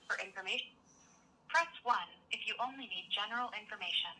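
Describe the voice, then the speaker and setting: A woman reading formal phone menu prompts as a recorded phone message, measured and even. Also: mid-range voice, a little hiss or hum, poor audio. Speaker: automated phone line announcer.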